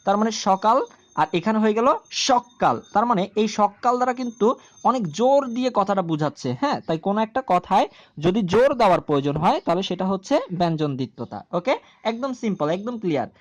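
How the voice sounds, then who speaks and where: A woman teaching a grammar lesson to video viewers, explaining slowly and repeating key terms, often asking a question and answering it herself. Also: mid-range voice, lively intonation.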